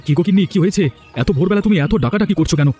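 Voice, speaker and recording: A man's voice: high voice, racing, mellow, slightly rough, soft background music. A man voicing an anxious village man in a cartoon. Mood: grumbling.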